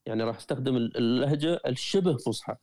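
Fast-talking Gulf Arabic man, mellow tone. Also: mid-range voice, dry recording, studio quality. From Qatar. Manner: lively storyteller, frequent self-corrections and restarts. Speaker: guest, traveler and writer. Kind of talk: conversational interview.

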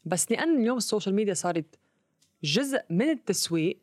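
Very fast Lebanese woman mixing Arabic and English. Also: medium pitch, animated, darkish tone, no echo, clean studio sound. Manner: mixes English words into Arabic. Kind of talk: casual conversational explaining.

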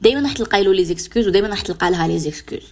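Fast-talking Algerian woman radio host. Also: medium pitch, expressive. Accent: Algerian Arabic. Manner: mixes French and English words into dialect; addresses listeners directly, giving examples. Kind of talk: advice talk to listeners.

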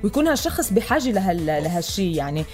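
A woman's voice: mid-range voice, sing-song, very fast. A woman with a Lebanese accent co-hosting a morning radio show in an enthusiastic, chatty way. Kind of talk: lively casual radio banter. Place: radio studio. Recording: faint music behind the voice.

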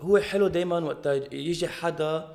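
A male podcast co-host with a Levantine Lebanese Arabic accent. His voice sits a little high and he talks very quickly. He chats casually, slipping English phrases into his Arabic. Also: creaky, a little mellow. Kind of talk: casual chat.

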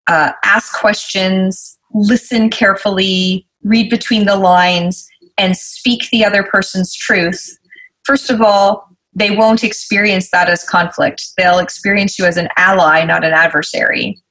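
A woman's voice: medium pitch, fairly even intonation, a little slow, a bit bright, low-quality recording. A woman guest in an interview, explaining conflict at work in an articulate, conversational way and acting out quoted emails.

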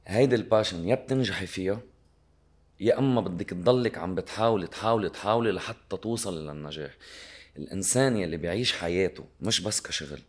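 Lebanese arabic guy chatting in an interview, really deep voice, drops english words in. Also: quick pace. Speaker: interview guest, singer. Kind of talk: conversational interview.

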